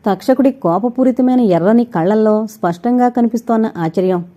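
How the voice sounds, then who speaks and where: A woman narrating a suspense novel as an audiobook reader, in a steady storytelling manner. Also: fairly high pitch, fairly quick. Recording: dull lo-fi recording.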